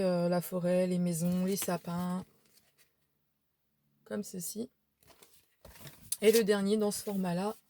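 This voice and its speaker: A woman's voice: medium pitch, mellow, a little hiss or hum. A tired woman showing a craft shopping haul at home, chatting casually with many fillers and restarts. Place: home room by a window.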